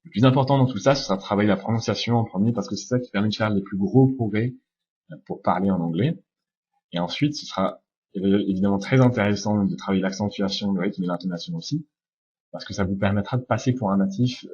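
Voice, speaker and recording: A man teaching English pronunciation in French, explaining over slides calmly, with frequent hesitations, slowing down to demonstrate sounds. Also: fairly low pitch, slightly rough, dull audio. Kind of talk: slide-based lesson narration.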